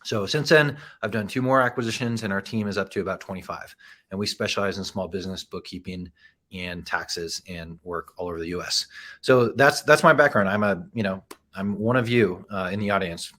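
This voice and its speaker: Brief: man in his thirties, fairly low voice, relaxed webinar presenter, chatty, tags lines with "right?". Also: brisk. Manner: casual, frequent "right?" and "um" asides. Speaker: presenter and accounting firm owner. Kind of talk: conversational educational presentation.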